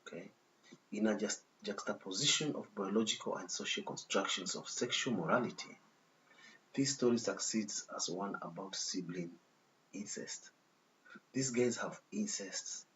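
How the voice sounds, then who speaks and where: Deep-voiced man lecturing with a dull, hissy sound. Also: normal speed, fairly bright tone. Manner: checks in with repeated "okay?" asides; disapproving, lecturing tone. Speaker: commentator reading from a text. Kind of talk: reading a text aloud with running commentary. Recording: dull lo-fi recording with faint hiss.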